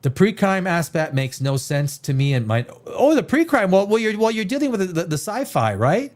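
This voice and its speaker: His voice sits high and swings widely in pitch at a normal speed. The Canadian man is hosting a livestream, chatting casually and emphatically about films and repeating phrases to drive his opinions home.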